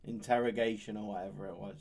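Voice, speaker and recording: A man's voice: on the low side, fairly even intonation, quick pace, gravelly, crowd noise. A man co-hosting a paranormal channel. He chats casually with short replies and announces the next show. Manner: brief interjections, plugs upcoming shows. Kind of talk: casual chat.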